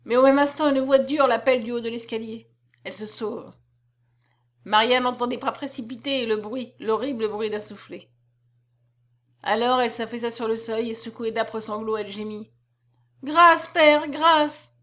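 A woman narrating a novel aloud in an expressive, dramatic reading. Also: on the high side, moderate pace.

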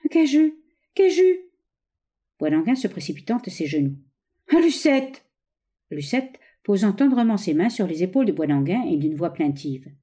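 A woman reading a play aloud, giving the stage directions in a low, even voice. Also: fairly quick, hardly any pauses. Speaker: reader of a play.

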